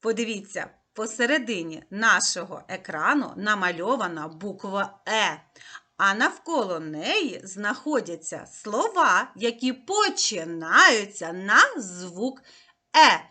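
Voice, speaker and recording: Female preschool teacher, bright and lively, unhurried, coaxing online lesson for little ones. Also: medium pitch. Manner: slow, sing-song, coaxing. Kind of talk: online lesson for small children.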